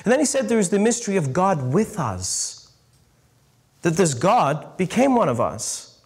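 A middle-aged priest with a slightly high voice delivers a sermon to a live audience. He tells stories with lively emphasis and slows down to land his key points. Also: husky.

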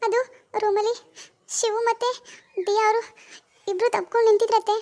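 A woman's voice: very high voice, little pitch movement, moderate pace, mellow. A woman acting as a young wife who suspects her husband, wondering aloud in an anxious, questioning way. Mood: hesitant. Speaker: actor in a family web drama. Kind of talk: amateur family drama acting.

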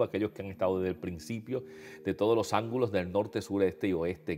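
A Puerto Rican pastor in his fifties hosts an online devotional show indoors in front of a holiday backdrop, speaking in Puerto Rican Spanish to viewers he calls beloved. His low voice sounds nasal after a nose procedure. He's warm, relaxed, and chatty, with frequent fillers.

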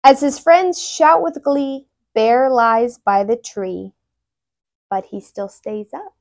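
A young woman reads a children's picture book aloud in an expressive, animated way, wearing a lapel mic indoors. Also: fairly high pitch, slow pace. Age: young adult. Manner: animated, with brief asides explaining words.

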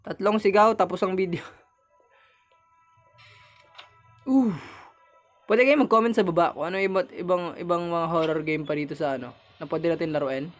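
A young man with a Filipino accent, his voice a touch high, talks casually to his viewers as he plays a horror game. He is jumpy, bursting into shouts and nervous laughter when something startles him, then going back to chatty commentary. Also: steady tone, fast, few pauses, soft background music. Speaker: gamer playing a horror game.

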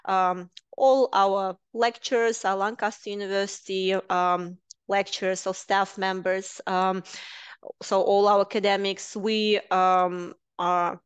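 A woman's voice: medium pitch, clear, resonant tone, dry recording. A woman in her thirties, a careers manager, presenting and moderating a webinar over a headset on a video call, explaining at length with many filler sounds. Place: indoors, virtual background.

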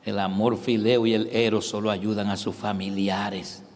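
A man with a Venezuelan Spanish accent, preaching a live sermon with dramatic swings from shouting to whispering. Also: on the low side, flat delivery, moderate pace. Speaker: pastor. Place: large church hall. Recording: long reverb of a large church hall.

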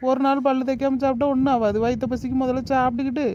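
A woman's voice: high voice, flat delivery, very fast, dark tone, highs cut off, slight background noise, natural voice. A woman voicing a cheeky, lazy young wife, always hungry and talking back. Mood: muttering. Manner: cheeky, talks to herself, sweetly impudent. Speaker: lead character. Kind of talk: cartoon comedy voice acting.

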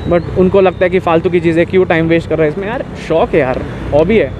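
A young man, chatting in a rambling, easygoing way while riding a motorbike on a highway and mixing in English words. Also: quick pace, lo-fi sound, background noise. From India. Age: young adult. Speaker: motovlogger. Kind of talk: casual chat while riding.

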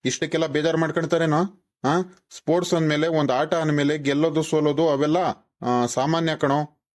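A strict but kindly village schoolteacher in a cartoon, voiced by a man, speaking in a somewhat high voice with a rural Karnataka Kannada accent. He scolds and lectures his class, tossing a questioning "aa?" after each point. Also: natural voice. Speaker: teacher. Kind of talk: cartoon voice acting.

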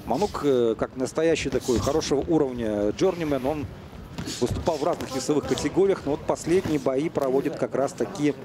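A man's voice: medium pitch, a little fast. A man giving live boxing commentary in a conversational, analytical manner. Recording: arena crowd noise behind voice. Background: boxing crowd.

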